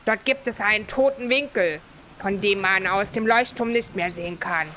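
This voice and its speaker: A woman's voice: mid-range voice, normal speed, bright, forceful tone, slight background noise, voice pushed down, lightly acted. A woman reading aloud the lines of a grim, curt villager in a video game.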